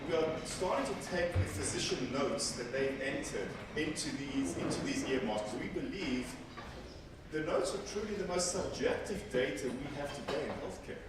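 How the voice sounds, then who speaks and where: An expressive, slightly high-voiced man whose first language is Afrikaans speaks at a moderate pace while presenting at a technical conference. He is conversational and often repeats words when correcting himself, holding a handheld mic before a seated audience in a large hall. Filmed from far back, the recording is echoey, distant and very noisy.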